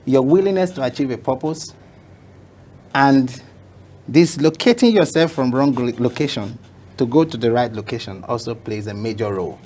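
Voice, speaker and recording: In a motivational talk show conversation, a guest tells an emphatic story, often repeating phrases for effect. The voice is medium-pitched and mellow at a moderate pace.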